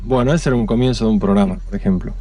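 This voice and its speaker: A man's voice: on the low side, racing, mellow. A man with an Argentine accent reminiscing casually about making radio programmes.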